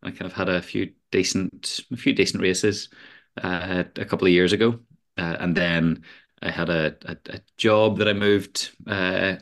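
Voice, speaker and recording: Podcast guest, man, fairly low voice, conversational, hesitant phrasing with repeated starts. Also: steady tone, normal speed. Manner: hesitant, repeats words as he thinks. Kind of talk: casual interview chat.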